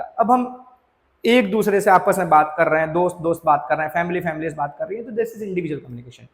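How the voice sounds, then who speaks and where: A man's voice: high voice, big-room sound. A man teaching a school social science lesson, explaining in a chatty, informal way and mixing in English terms. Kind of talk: classroom lecture.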